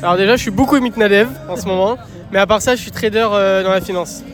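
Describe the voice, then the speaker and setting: Relaxed young man, high voice. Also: fast, soft background music. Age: 20s. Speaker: volunteer organizer. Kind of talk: street interview. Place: outdoors at an evening barbecue.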